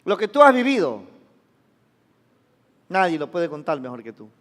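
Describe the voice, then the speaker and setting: A man's voice: a little high, very animated, normal speed, a bit bright. A male pastor preaching a sermon, questioning the congregation, having them repeat phrases, and acting out sounds with sudden exclamations. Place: church. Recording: long reverb of a church hall.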